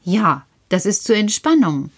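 A woman presenting a children's show, chatting with a puppet figure and musing aloud slowly. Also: mid-range voice, big pitch swings, breathy edge. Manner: slow, musing, wondering aloud.

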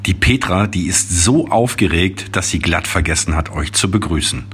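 A man calmly and kindly greeting children on a podcast, with a faint hum behind him. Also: low-pitched, normal speed. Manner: calm, kindly addressing children. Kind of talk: friendly announcement to children.

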